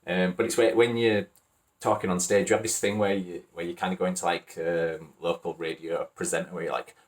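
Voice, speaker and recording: A man's voice: sits low, little pitch movement, fairly quick. A man with a Wakefield accent, rambling casually and chuckling as he hosts a reaction video. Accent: Wakefield, Yorkshire. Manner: rambling and chatty, chuckles often.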